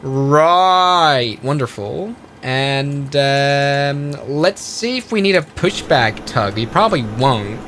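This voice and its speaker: Narrating a flight simulator stream step by step, a man speaks slowly in a mid-range voice with lively intonation and hardly any pauses. It's casual live commentary full of self-corrections, with background noise behind him.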